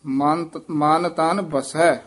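A man teaching correct recitation of scripture, chanting verses slowly and breaking off to explain pauses and pronunciation. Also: on the high side, steady tone. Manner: slow chanted recitation, then quick spoken corrections.

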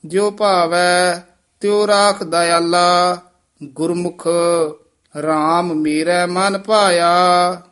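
A man teaching scripture recitation, chanting each line slowly and in a measured way. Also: sits high, flat delivery, clear, resonant tone. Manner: measured, drawn-out chanting, then quick quiet corrections. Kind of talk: slow chanted recitation with spoken pronunciation instructions.

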